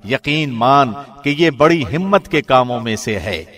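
In a recording studio, a man reads a scripture translation formally. His medium-pitched voice stays measured, solemn and even throughout.

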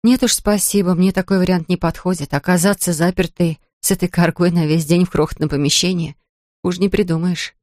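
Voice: mid-range voice, steady tone, brisk, darkish tone, dry recording, close to an everyday voice. A reader voicing a wry, stubborn young woman who teases lightly, read close to a dry studio mic.

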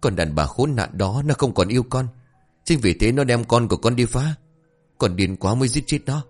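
A man's voice: medium pitch, animated, normal speed, soft background music, pitched above the performer's own voice, close to an everyday voice. A man voicing an enraged, violent young husband with a raised, harsh delivery, in an audio story. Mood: bitter. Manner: shouting accusations, raised and harsh.

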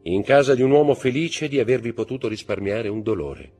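A man voicing a calm, courteous nobleman who speaks in composed, reassuring tones in an audiobook reading. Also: mid-range voice, fairly quick, slightly rough, soft background music, voice pushed up.

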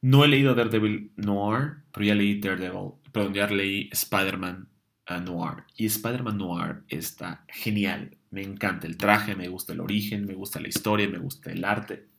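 A man's voice: sits low, steady tone, moderate pace, vocal fry, a bit bright. A young man hosting a casual comics show, chatty with many fillers and restarts, answering viewer questions.

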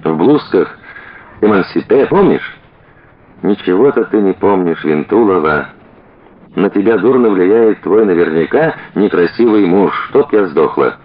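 A man's voice: low voice, animated, measured pace, phone-quality sound. A man reading aloud and voicing a flippant young woman, a former society girl, who teases and chatters brashly. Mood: chattering.

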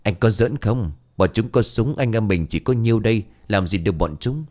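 A man's voice: on the low side, moderate pace, darkish tone, close to an everyday voice. A man voicing a stern, blunt old village man in a ghost story.

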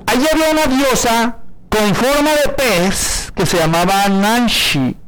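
A male pastor preaching a sermon in a direct, colloquial, animated way, slowing and speeding up for emphasis. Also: very high-pitched, slight background noise, rough recording.

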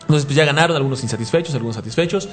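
A man, co-hosting a chat show and telling animated anecdotes with restarts and asides. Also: fairly high pitch, racing. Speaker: podcast co-host and event moderator. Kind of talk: casual storytelling chat.

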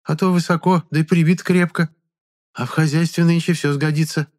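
A man's voice: a little high, fairly even intonation, a little fast, pitched above the performer's own voice, natural voice. Man doing a chatty old village widow. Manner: sing-song folksy chatter, affectionate. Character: fussy elderly village widow, chatty and sly.

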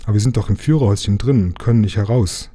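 A man's voice: lowish voice, very fast, warm tone, natural voice. A man doing an anxious little boy. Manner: agitated, stammering. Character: small brave boy, anxious and eager.

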